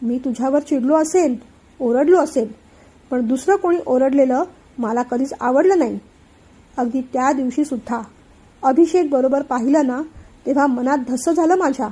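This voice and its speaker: An emotional young elder brother pours out his feelings in an earnest, heartfelt way, as a woman reads his part. The voice sits high but mellow. It is a storybook reading. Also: normal speed, slightly rough. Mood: tender.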